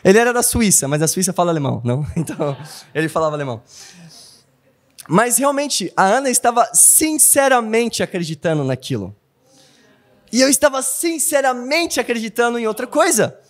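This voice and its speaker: A young Brazilian man with a high voice and a Brazilian Portuguese accent preaches a sermon in a church hall, talking a little fast. He tells stories with animation and keeps checking in with his listeners by asking "não?"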